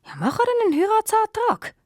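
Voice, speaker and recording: An eager young caliph who has been turned into a stork, as a woman puts him on. He asks questions in a raised, lively voice, for a children's radio play. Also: very high voice, normal speed, dry recording, clean studio sound, pitched above the performer's own voice.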